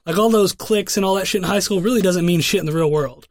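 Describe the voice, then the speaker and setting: A man's voice: sits high, fast talker, dry recording, clean studio sound. A young man co-hosting a podcast, telling a crude story in rambling, profane casual chat with lots of restarts. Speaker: podcast co-host.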